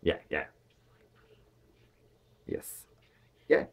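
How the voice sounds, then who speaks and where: A man in casual chat who agrees warmly and gushes with reassurance. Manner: agreeable, gushing, quick to reassure. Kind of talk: casual one-sided chat. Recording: dull lo-fi sound.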